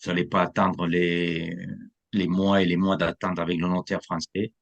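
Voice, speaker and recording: A man's voice: low-pitched, little pitch movement, moderate pace, dull audio. A man who is a real estate agent, from France, explaining the buying process in an interview and slipping English terms into his talk. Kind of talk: interview answers.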